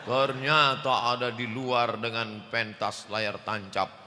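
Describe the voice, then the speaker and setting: Loud booming preacher, echoey hall. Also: male voice, little pitch movement, takes it slowly, slight background noise. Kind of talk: humorous sermon. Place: large mosque. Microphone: handheld microphone.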